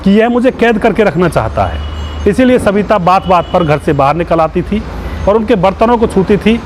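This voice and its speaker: A man's voice: high-pitched, animated, normal speed, a little hiss or hum. A man hosting a YouTube channel, retelling a true crime story and often addressing the viewers as friends, then moralizing and asking for their views. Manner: moralizing, asks viewers for opinions.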